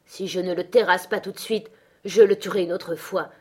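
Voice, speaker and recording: A woman's voice: on the low side, steady tone, normal speed, a little mellow, husky. A woman voicing a violent, contemptuous young man in an audiobook, sneering and threatening. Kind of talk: audiobook character reading.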